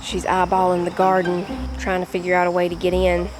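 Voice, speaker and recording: A woman's voice: fairly low pitch, monotone, fairly quick, noisy background. A woman with a Southern US accent, chatting homily through her garden and kitchen in a casual vlog, laughing easily as she goes. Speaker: home cook and gardener, channel host.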